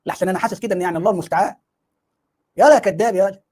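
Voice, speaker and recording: A man's voice: high voice, rapid-fire, darkish tone. A man with an Egyptian Arabic accent giving mocking online commentary, full of sarcasm and rhetorical questions.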